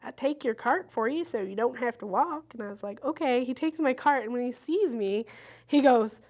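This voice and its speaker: Woman in her thirties, somewhat high voice, candid interview talk, self-mocking, quick to laugh. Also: darkish tone.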